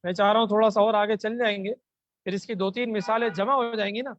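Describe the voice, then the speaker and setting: A man with a Pakistani Urdu accent and a high voice teaches a Quranic grammar class. He chants verses slowly and then quizzes his students, answering his own questions. The sound is dry and a little dull. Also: fairly bright tone, no echo. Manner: asks the class questions and answers them himself. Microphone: microphone.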